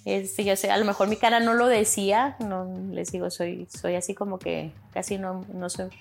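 A young woman talks through a relaxed podcast monologue. She rambles with lots of fillers and slips into lively impressions of other people. Her pitch sits in the middle, and faint music plays beneath her. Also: normal speed, gravelly. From Chihuahua, Mexico. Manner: rambling, many fillers, acts out quotes. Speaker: podcast host. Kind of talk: casual monologue.

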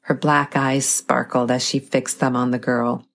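A woman narrating a folk tale in a measured, dramatic storytelling style. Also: extremely low pitch, level tone, gravelly.

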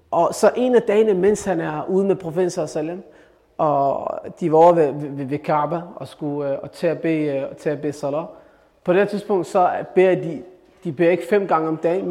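A male preacher tells a religious story in an animated way, often turning to his listeners with questions. His slightly high voice carries a long echo through a reverberant hall.

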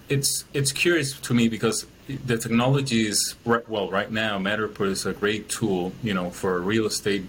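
A man's voice: low voice, fairly bright tone, a little hiss or hum, low-quality recording. A man from Chile, a guest in an interview, talking casually with many fillers and restarts. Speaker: guest, business owner.

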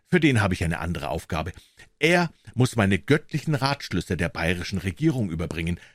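A man voicing God as a stern, astonished old man who speaks in a measured, reproving way. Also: low voice, very animated, no echo.

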